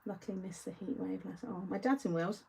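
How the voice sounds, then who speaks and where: A woman's voice: medium pitch, steady tone, fast talker, vocal fry, darkish tone, slightly rough, rough recording. A woman hosting a live craft-along, chatting casually and answering viewer comments as she works. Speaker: craft show host.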